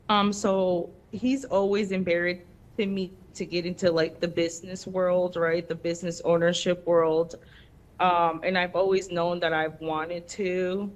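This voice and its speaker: A woman in her thirties from the Dominican Republic, a native Spanish speaker, talking casually as a guest in an interview, relaxed and conversational, with frequent pauses. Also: on the low side.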